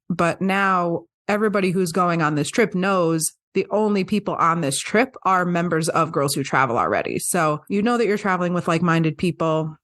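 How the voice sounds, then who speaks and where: A young woman from upstate New York, co-hosting a podcast in a casual, chatty way with frequent laughs. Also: fairly low pitch. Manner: chatty, laughs often, animated storytelling. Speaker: podcast co-host. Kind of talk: casual chat.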